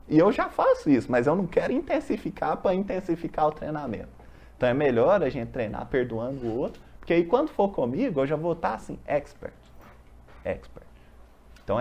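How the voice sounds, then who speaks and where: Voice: medium pitch, darkish tone. A speaker with a Brazilian accent leads a casual religious study group, reading a text aloud and explaining it with everyday examples and rhetorical questions. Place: meeting room of a university study group.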